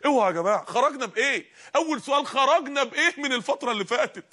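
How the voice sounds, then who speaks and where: A man's voice: extremely high pitch, lively intonation, racing, bright, forceful tone, slightly rough. A man with an Egyptian accent preaching a sermon, firing off impassioned rhetorical questions one after another. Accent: Egyptian Arabic.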